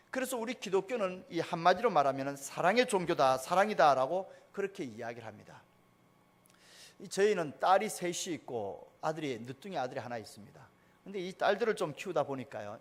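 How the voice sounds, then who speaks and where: A middle-aged man delivers a sermon from the pulpit, his voice sitting notably high for a man. He preaches earnestly, rising into loud emphatic bursts and then dropping back to soft, conversational asides. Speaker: pastor.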